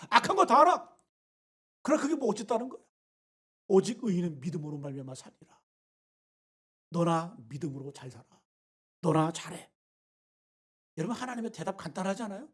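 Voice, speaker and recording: A man preaching a Sunday sermon as pastor, swinging between loud urging and quiet asides. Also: high voice, slightly rough. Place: church sanctuary.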